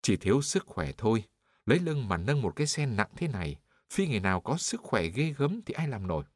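A man voicing a cold, suspicious inspector who speaks calmly and deliberately, in an audiobook. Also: medium pitch, no echo, studio quality. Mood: pointed. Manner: calm, pointed, deliberate.

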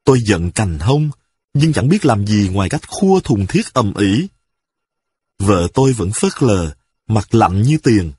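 A man reading a comic story aloud in the first person, in an expressive storytelling style. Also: fairly low pitch, unhurried, husky. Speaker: narrator.

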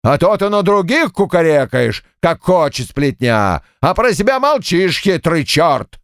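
A man playing a villager who heckles mockingly from the back rows in a deep voice. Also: very animated, unhurried, a bit bright, smooth, dry recording, studio quality, heavily acted.

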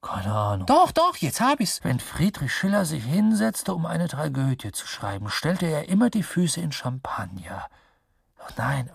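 Man, gravelly, husky, rambling drunken first-person radio drama narration, dry close sound. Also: dry recording. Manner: rambling, drunken, muttering to himself, sudden swings in pitch. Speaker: narrator and lead actor.

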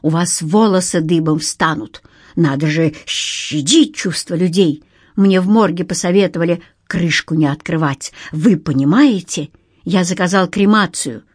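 A woman's voice: on the low side, a little slow, darkish tone, husky, dry recording, studio quality. A woman voicing a panicky, hysterical young male banker in an audiobook, with frantic, sobbing pleas.

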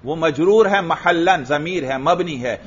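A man teaching an Arabic grammar lesson to a class. He asks his students questions, answers them himself and repeats the key words. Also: on the high side. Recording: dull lo-fi lecture recording.

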